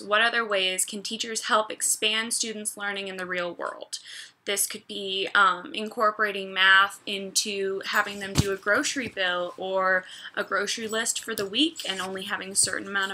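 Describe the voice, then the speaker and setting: A woman's voice: medium pitch, noisy background. A young woman recording a class response at home on her computer, reading quotes aloud and commenting with frequent ums. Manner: reads quotes then comments, many ums. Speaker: education student. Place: home room with puppies. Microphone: computer mic.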